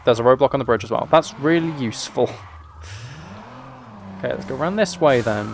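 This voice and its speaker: Against a noisy background, a man with a mid-range voice talks fairly quickly as he plays a game on a livestream. The chat is casual, peppered with dry humor.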